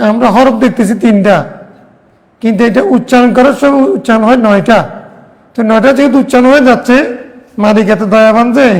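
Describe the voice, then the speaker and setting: A man's voice: very high-pitched, vocal fry, long reverb tail. A man teaching a hadith class, explaining step by step and asking his students questions that he answers himself. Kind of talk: religious class lecture.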